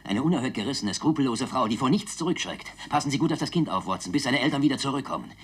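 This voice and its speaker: An actor playing a shrewd, commanding detective in a dubbed classic crime film, with a husky voice. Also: male voice, mid-range voice, expressive, fast. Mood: urgent, brisk. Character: shrewd, commanding male detective, gentle with children.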